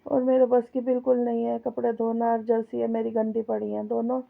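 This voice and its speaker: Cooking in her home kitchen, a middle-aged woman with a sore throat and cough talks to viewers in a chatty, complaining way. Her slightly high voice has vocal fry and a completely flat delivery, moving fairly quickly. The phone-filmed clip sounds tinny.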